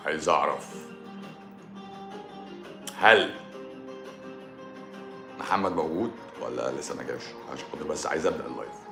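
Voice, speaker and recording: A man with an Egyptian Arabic accent hosting a live stream, answering viewer questions in a joking, sarcastic manner. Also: a bass voice. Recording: roomy echo with music behind.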